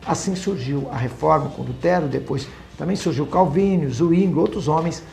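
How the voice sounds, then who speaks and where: A man with a Brazilian Portuguese accent giving a Bible study lesson, talking in an unhurried, hesitant way with fillers and restarts. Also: fairly high pitch, gravelly, darkish tone, soft background music. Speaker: Bible teacher.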